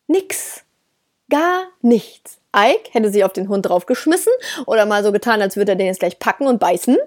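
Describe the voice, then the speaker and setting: A woman's voice: medium pitch, animated, moderate pace, a little mellow. A woman dog trainer talking casually and bluntly to her listeners, laughing often and hitting words hard. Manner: direct, blunt, with frequent laughs and emphatic stresses.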